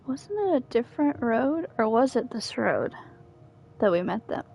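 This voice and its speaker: A woman streamer with a fairly high, gravelly, darkish voice and big pitch swings gives chatty, giggly game commentary at normal speed, talking to herself while she has the hiccups. Game music plays behind her voice.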